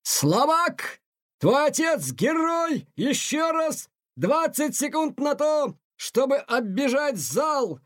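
A man voicing a stern older male cat colonel who drills a young cat, barking slow, drawn-out shouted orders. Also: extremely high pitch, very animated, voice pushed up, exaggerated voice. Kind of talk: audiobook character voice.

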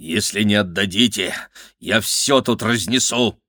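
A man's voice: fairly low pitch, measured pace, pushed and bright, no echo, clean studio sound. A man voicing a hot-tempered adult male pyrotechnician villain who barks furious threats.

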